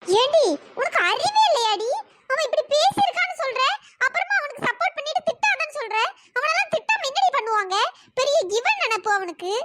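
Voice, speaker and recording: A woman's voice: sing-song, fairly quick, background noise. [name], a woman doing a fiery, scolding best friend. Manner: scolding, brash and blunt. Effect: pitch-raised voice. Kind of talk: cartoon story voice acting.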